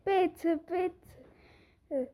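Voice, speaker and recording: A woman's voice: very high voice, extremely slow, warm tone, exaggerated voice. A woman playing a poor, pleading, subdued peasant man in an amateur audio play. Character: poor pleading peasant man, desperate to save his family.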